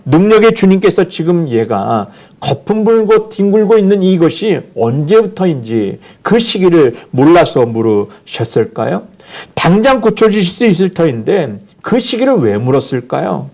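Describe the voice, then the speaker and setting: A man's voice: a little high, sing-song, normal speed, darkish tone. A man preaching a sermon as senior pastor, dramatically acting out the lines of the people he quotes.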